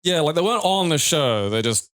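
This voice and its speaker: A man chatting casually over a video game, rambling and halting as he goes. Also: a little high, sing-song, fairly bright tone, no room sound, studio quality. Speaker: gaming commentator. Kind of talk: casual gaming banter.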